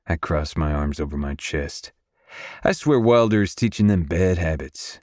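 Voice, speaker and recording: Deep-voiced male audiobook narrator. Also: lively intonation, moderate pace, darkish tone, dry recording, clean studio sound. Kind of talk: first-person audiobook narration.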